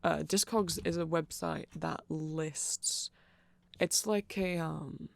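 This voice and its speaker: Speaking slowly, a male ASMR creator drifts through an explainer in a gravelly voice full of vocal fry that runs a bit high for a man. He is discursive and geeky, often correcting himself and checking in with his audience. The recording is dry and very close.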